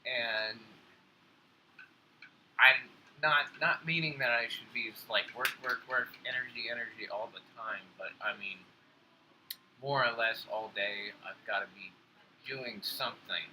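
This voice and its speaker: Man, very bright tone, measured and reflective, co-host chat, light background hiss. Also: medium pitch, rough recording. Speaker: cooking show co-host. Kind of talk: casual chat. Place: home kitchen.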